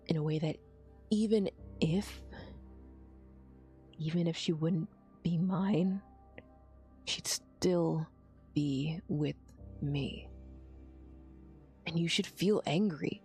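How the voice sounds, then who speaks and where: A woman's voice: deep voice, slow, pauses often, a little mellow, faint music behind. A woman voicing a drunk, bitter, heartbroken young man who confesses in half-whispers while reading a story aloud. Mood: anguished.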